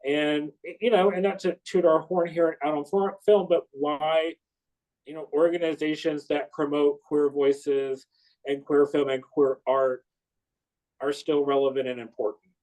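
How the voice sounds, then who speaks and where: A man in his sixties interviewing, who speaks haltingly with many fillers and restarts. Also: fairly high pitch, little pitch movement, darkish tone, low-quality recording. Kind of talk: conversational interview.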